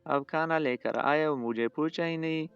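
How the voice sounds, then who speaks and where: A man voicing a shy young bride who speaks softly and quietly. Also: on the high side, clean tone, no room sound, close to an everyday voice. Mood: hurt. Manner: soft, quiet. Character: shy young new bride, soft-spoken. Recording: dull lo-fi audio with faint music behind.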